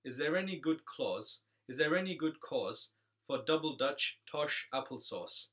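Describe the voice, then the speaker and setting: Bright-voiced man reciting comic rhymes. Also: on the high side, expressive, measured pace. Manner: playful, sing-song rhymed delivery. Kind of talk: reciting rhyming comic verse.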